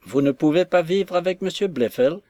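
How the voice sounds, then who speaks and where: A man voicing a blustering, cursing country squire, loud and blunt in his threats. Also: on the high side, normal speed, pitched above the performer's own voice, close to an everyday voice. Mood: stunned.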